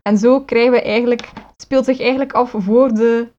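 A woman's voice: on the high side, fairly even intonation, moderate pace, dark tone, lo-fi sound. A woman recapping a series episode on a podcast, rambling and correcting herself with many fillers. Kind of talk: casual chat.

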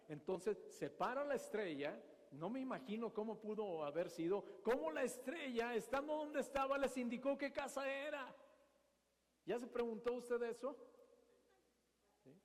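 A man giving a Bible teaching sermon, often asking his listeners questions and acting out the scene. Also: sits high. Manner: asks the audience questions and acts out scenes. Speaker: preacher. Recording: long hall reverb.

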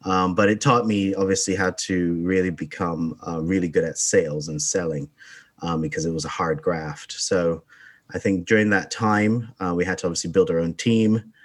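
Young guy from barbados, very low voice, lots of ums, chatting as a podcast guest. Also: steady tone, normal speed, husky. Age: 20s. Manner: hesitant, many ums and restarts. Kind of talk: casual interview talk.

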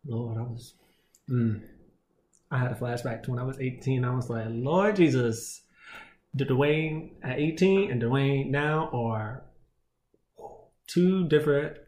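A man in his twenties co-hosting a podcast, chatting in an animated, joking way. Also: medium pitch, takes it slowly, long pauses. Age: 20s. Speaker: podcast co-host. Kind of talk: casual chat. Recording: echoey room, faint background noise.

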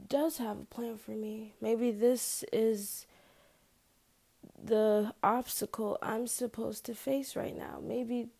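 A young woman talking to the camera in a personal video diary, hesitant and halting, sometimes dropping to a soft whisper. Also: fairly high pitch, creaky, dry recording. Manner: hesitant, halting, full of fillers; drops to a soft whisper at times. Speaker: vlogger.

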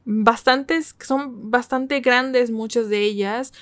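A chatty woman talks through a series in a relaxed, conversational way. Her voice sits fairly high, and she keeps asking her listeners whether they are following along. The sound is dry and close, with no room echo. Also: takes it slowly. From northern Mexico. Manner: chatty, asks listeners for agreement with frequent tag questions. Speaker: K-drama reviewer. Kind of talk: casual review chat.

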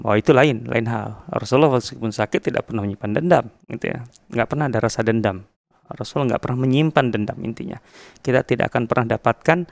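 A man from Indonesia, an ustadz, giving a measured religious podcast talk with many fillers and Arabic quotations. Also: medium pitch, creaky, no room sound, studio quality.

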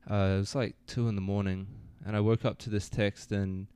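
A young man from New Zealand talks easily about his travels and work as a podcast guest. His voice sits low and smooth, with a mellow, dry sound close to the mic. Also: brisk, no room sound. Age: young adult. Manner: relaxed, easygoing storyteller with fillers. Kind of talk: casual interview.

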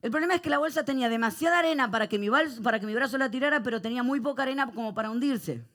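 Animated high-voiced pastor preaching. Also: male voice, very fast. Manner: animated storytelling preacher, swings from hushed to loud. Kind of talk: sermon.

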